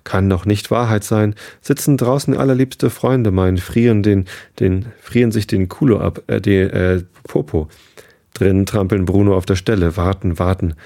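A man's voice: deep voice, normal speed, vocal fry, few pauses, warm tone, slightly rough, exaggerated voice. A man voicing a bald Italian waiter with an Italian accent who speaks broken, stammering German. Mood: jolly.

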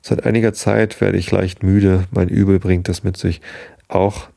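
A man reading the lines of a calm, grim male prisoner who is dying, in a deliberate tone. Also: sits low, vocal fry, no room sound, clean studio sound, full character voice.

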